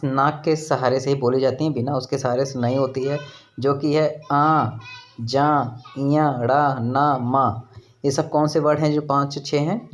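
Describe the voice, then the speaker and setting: A male teacher giving an online exam-prep lesson on grammar. He explains slowly, sounds out syllables to demonstrate them, and keeps checking in with "right?". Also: medium pitch. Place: rented room with children shouting nearby.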